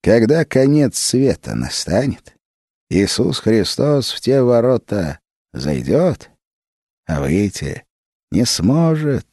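A man's voice: lowish voice, dark tone, husky, dry recording, clean studio sound, voice pushed up, exaggerated voice. A man voicing a fervent, secretive tsar. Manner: whispering, then triumphant and fervent.

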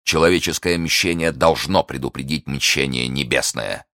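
A man doing a zealous, excitable young officer. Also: a bass voice, moderate pace, no room sound, clean studio sound, heavily acted. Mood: outraged. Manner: exclamatory, impassioned. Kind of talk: audiobook reading.

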